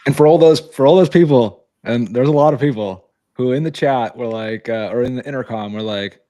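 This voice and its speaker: A man co-hosting a casual livestream chat, enthusiastic and quick to laugh. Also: medium pitch, mellow, lo-fi sound. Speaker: co-host.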